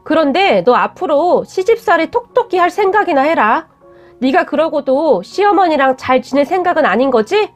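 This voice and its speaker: A woman's voice: sits high, expressive, moderate pace, soft background music. A woman doing a curt, defensive young fiancé. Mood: threatening. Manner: blunt and scolding.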